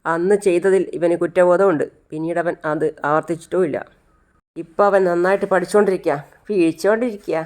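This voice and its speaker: A narrator voicing a young man who calmly reasons and reassures. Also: medium pitch, fairly quick, natural voice. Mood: reasoning. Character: young man defending a friend, calm and firm.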